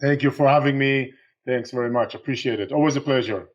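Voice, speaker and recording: Israeli-born man, halting, lo-fi. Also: medium pitch, steady tone. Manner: halting, many fillers and restarts. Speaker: guest, real estate investor. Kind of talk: casual interview talk.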